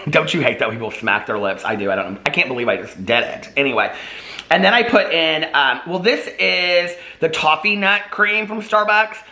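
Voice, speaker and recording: A man with a fairly high-pitched, sharp-toned voice talks in a chatty, playful, informal way. He's casually vlogging and reading his own book aloud, mixing casual chat with storybook read-aloud.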